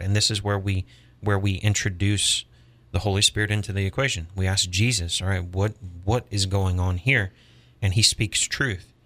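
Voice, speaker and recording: A man co-hosting a faith podcast, speaking in a measured, teacherly way and citing scripture. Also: on the low side, sharp tone. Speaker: podcast co-host. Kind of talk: preaching-toned discussion.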